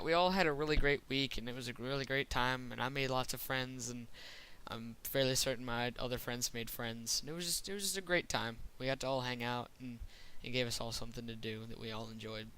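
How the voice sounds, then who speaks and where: A young man telling a rambling, excitable story in a casual vlog, full of fillers. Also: medium pitch, a little fast, clean tone, rough recording. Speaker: vlogger.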